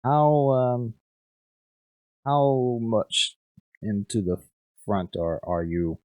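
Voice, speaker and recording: A man running a tabletop game as game master, narrating haltingly with many restarts. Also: medium pitch, animated, no room sound, phone-quality sound.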